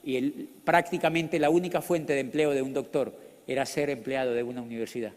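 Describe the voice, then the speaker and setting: A middle-aged man with a Colombian accent, a motivational speaker telling his story in an animated, joking way with loud outbursts. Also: medium pitch, brisk. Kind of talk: storytelling business talk. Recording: long hall reverb.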